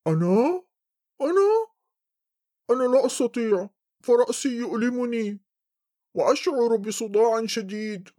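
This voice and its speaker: A woman voicing a boastful but cowardly green monster with sharp teeth in a children's story, grumbling and blustering. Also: a little high, lively intonation, moderate pace, pauses often. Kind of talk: storybook voice acting.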